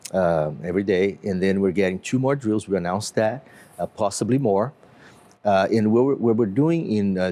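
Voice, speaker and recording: In an interview, a man from Brazil who runs a company describes his business in a measured way, using lots of fillers. He has a Brazilian accent and a fairly low, dark-toned voice.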